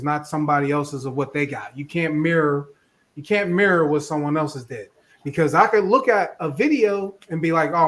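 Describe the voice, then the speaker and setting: Animated man chatting on a call. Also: a little high. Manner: animated, laughs often, repeats himself. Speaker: podcast co-host. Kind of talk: casual group chat on a video call.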